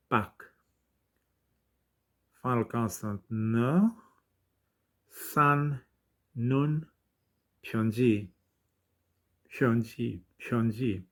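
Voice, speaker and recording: Here a man with a mid-range voice gives an informal language lesson, pausing and thinking aloud as he reads syllables and tackles exercises.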